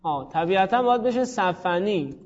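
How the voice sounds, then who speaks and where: A man's voice: high voice, animated, long reverb tail, highs cut off. A man teaching a grammar class, calling on students by name and thinking aloud. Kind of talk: classroom lesson on Arabic grammar.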